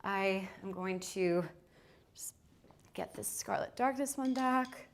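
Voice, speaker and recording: A woman's voice: medium pitch, slow pace, slight background noise. A woman hosting a live fashion shopping stream, chatting upbeat with many fillers. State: out of breath. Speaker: fashion livestream host. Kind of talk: casual live shopping chat. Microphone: moving away from the mic while changing outfits.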